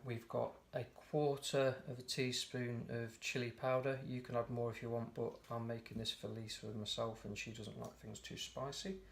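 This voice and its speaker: Barely pausing, a hoarse man with a mid-range, croaky voice presents a recipe at a moderate pace. He's a casual, chatty home cook who often corrects himself mid-sentence as he goes step by step. The recording is a noisy home video.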